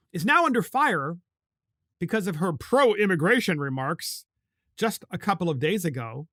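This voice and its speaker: Male political podcast host; high, animated delivery, indignant and emphatic; dry recording. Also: no room sound. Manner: emphatic, indignant, with sarcastic asides. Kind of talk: political commentary.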